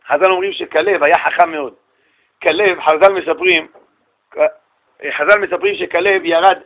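A man with a high, bright voice teaches a Torah lesson. He slips into acted-out dialogue as he tells his stories and keeps turning to his listeners with direct questions. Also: rough recording. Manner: animated storytelling, acting out dialogue, addressing listeners directly. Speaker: religious teacher. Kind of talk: Torah lecture.

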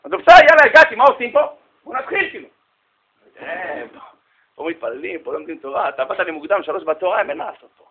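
A man giving a humorous storytelling talk, animated and jokey, speaking straight to his listeners. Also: high voice, gravelly, husky. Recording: tinny phone-like sound.

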